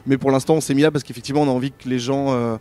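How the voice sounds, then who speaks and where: A man's voice: mid-range voice, fairly even intonation, rapid-fire, warm tone. A man interviewed about designing games, talking casually with many fillers and restarts. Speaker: game designer guest.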